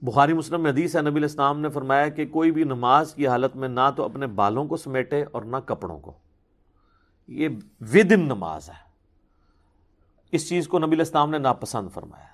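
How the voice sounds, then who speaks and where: A man giving a religious question-and-answer talk, reasoning patiently and pressing hard on his key points. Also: fairly high pitch.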